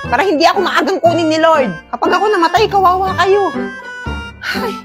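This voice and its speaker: A woman's voice: very high voice, brisk. A woman performing a comedy skit, bickering playfully. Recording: music behind. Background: music.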